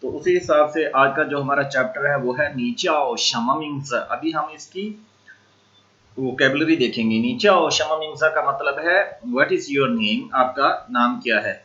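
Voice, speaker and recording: Man, language teacher, slow and careful, bright tone, repeats and spells words, dull lo-fi recording. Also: medium pitch. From Pakistan. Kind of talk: recorded classroom lecture.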